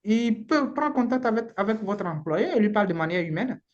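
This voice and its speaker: A woman's voice: medium pitch, animated, brisk, muffled recording. A woman lawyer with a Beninese accent gives informal, frank advice in a live online session, using the odd blunt slang word. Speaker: immigration lawyer.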